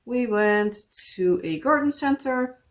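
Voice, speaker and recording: Her voice is fairly high and animated, and she takes things slowly. This Dutch-accented craft vlogger, a native Dutch speaker, rambles through a casual chat packed with "like" and "yeah."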